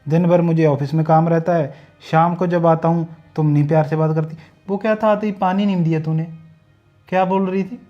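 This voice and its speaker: A man's voice: on the high side, steady tone, fairly quick, muffled recording, faint music behind, natural voice. An actor playing an irritable young husband who snaps at his wife and refuses to be disturbed. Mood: resentful. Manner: snapping, dismissive, rising to angry outbursts. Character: irritable young husband, sleepy, short-tempered. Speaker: actor in short film. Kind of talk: domestic drama acting.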